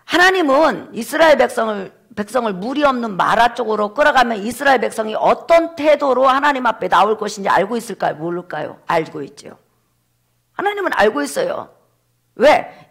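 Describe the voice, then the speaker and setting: A man's voice: extremely high pitch, vocal fry, a bit bright. A male pastor preaching a sermon in a church, acting out the voices of the people he quotes.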